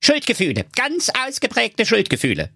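Storybook owl: man doing a high, husky, smug doctor voice. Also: huge pitch swings, normal speed, bright, forceful tone, no room sound, clean studio sound, exaggerated voice. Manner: fussy and patronizing. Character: smug, know-it-all owl psychologist.

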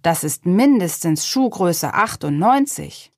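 A woman voicing an excited young boy, one of twins, in a storybook reading, calling out his words. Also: on the low side, slow, no room sound, clean studio sound, full character voice.

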